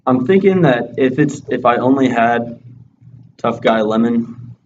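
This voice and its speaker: A man with a mid-pitched voice chats casually with a lip full of dip, slipping in dry, crude jokes. The sound is dull and lo-fi, with faint noise. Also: animated, a little slow. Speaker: co-host reviewing dipping tobacco. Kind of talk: casual chat review.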